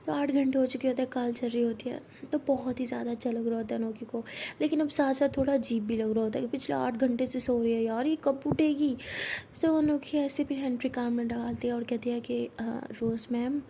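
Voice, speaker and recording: A woman's voice: a little high, fairly even intonation, a little fast, warm tone, slight background noise. A young woman telling a love story in a casual, chatty way, full of filler words. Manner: chatty, uses many fillers.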